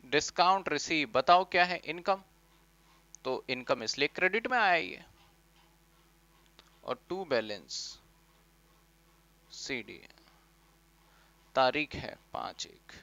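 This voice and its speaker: A man giving a classroom lecture on accounting, animated, asking questions and answering them himself. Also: a little high, no room sound, lo-fi sound. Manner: speaks as the accounts in first person. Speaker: commerce teacher.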